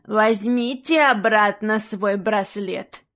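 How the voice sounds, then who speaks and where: A woman reading a story and voicing a hunched old male antique dealer with a creaky voice, drawn out and slow. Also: mid-range voice, fairly bright tone. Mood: breathless.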